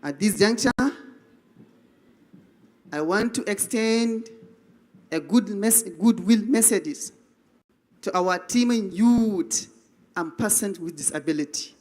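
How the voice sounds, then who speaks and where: Nigerian guy speechifying at a forum, high voice, slow and punchy repeats. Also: a little mellow. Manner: slow, emphatic and repetitive, like an orator. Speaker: government representative giving a goodwill message. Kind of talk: formal public speech. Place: event hall.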